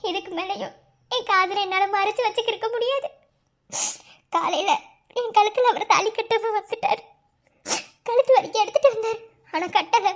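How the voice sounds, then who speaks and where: A cartoon village girl in a Madurai Tamil accent, her voice pushed very high and thin. She pleads with her elders, tearful and begging, her words tumbling out with emotion. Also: normal speed, pauses often, fairly bright tone. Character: young village woman begging to wed her love. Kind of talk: cartoon voice acting.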